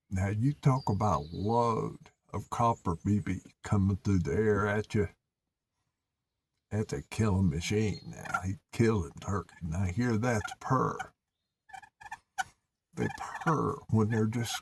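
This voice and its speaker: A man with an Appalachian accent telling hunting stories casually, in a folksy, drawn-out country way. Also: medium pitch, darkish tone, slight background noise. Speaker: turkey hunter presenting his own video. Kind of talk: casual storytelling.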